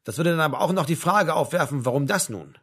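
A man's voice: on the high side, animated, quick pace, fairly bright tone, breathy edge. A man voicing a dry, sardonic young man. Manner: dry, sarcastic.

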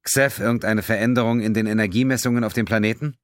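A man's voice: lowish voice, fairly even intonation, fast, no echo, clean studio sound, voice pushed up, close to an everyday voice. A man voicing a male starship captain giving orders in an audiobook. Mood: commanding. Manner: commanding, then sorrowful.

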